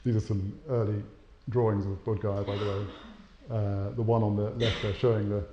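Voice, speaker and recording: A man giving an academic lecture and reading a story aloud, speaking in a measured way with occasional hesitations and self-corrections. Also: on the low side, flat delivery, mellow, dull audio, a little hiss or hum.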